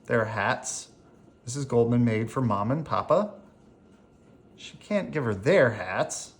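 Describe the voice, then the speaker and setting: Here a children's picture book is read aloud for bedtime, the storyteller's medium-pitched delivery deliberate and animated.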